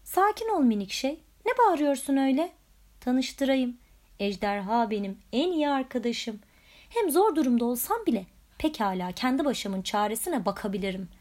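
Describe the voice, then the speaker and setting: A woman's voice: high-pitched, lively intonation, moderate pace. A woman voicing a confident, self-reliant young princess who talks breezily in a storybook. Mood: breezy. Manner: breezy, gently mocking.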